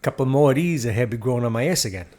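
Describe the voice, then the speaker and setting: A middle-aged man, the host's father, chatting as a guest with a jokey, slightly stiff, deliberate way of talking. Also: mid-range voice, animated, darkish tone. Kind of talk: casual chat.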